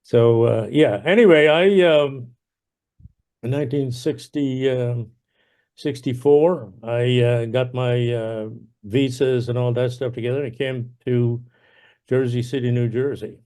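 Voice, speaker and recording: Older Irish-born man, interviewee, easygoing and halting delivery. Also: medium pitch, dark tone. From Ireland. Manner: unhurried, many fillers and restarts, chuckles often. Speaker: interviewee, veteran. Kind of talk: casual oral history interview.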